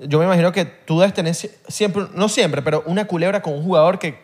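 A Venezuelan-accented man with a slightly raised pitch hosts a casual podcast. He ribs his guest in loose, slangy banter. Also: fast. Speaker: podcast host.

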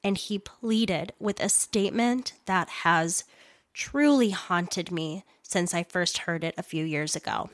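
A woman's voice: lowish voice, takes it slowly, no echo, studio quality. A woman hosting a solo news commentary podcast, speaking bluntly and indignantly, with swearing and sarcastic asides. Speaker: podcast host.

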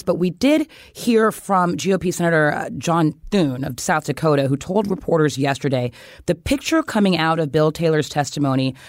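A cable news anchor leads the segment, asking questions in a measured way with frequent filler words. The voice sits at a middle pitch and sounds dry and close. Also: no echo.

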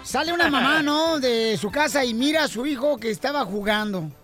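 A man's voice: very high-pitched, fairly quick, bright, forceful tone, faint music behind. A man hosting a radio show, playful and boisterous as he tells jokes. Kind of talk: lively radio joke telling.

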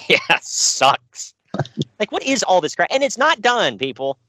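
A man's voice: high-pitched, very animated, a little slow, bright, forceful tone, dry recording. A man co-hosting a podcast, recapping a show with dry sarcasm and frequent laughs. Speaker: podcast co-host. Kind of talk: casual chat.

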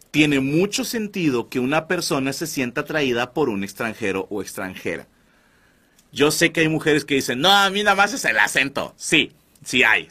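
Animated man telling crude stories. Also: medium pitch. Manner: crude slang, animated, addresses listeners as brothers. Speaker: podcast host. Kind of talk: comedic storytelling monologue.

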